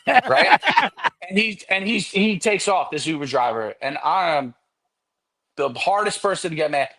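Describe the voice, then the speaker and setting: A man's voice: fairly high pitch, expressive, measured pace, creaky, fairly bright tone. A man guesting on a podcast, telling a long story casually and animatedly, with frequent swearing.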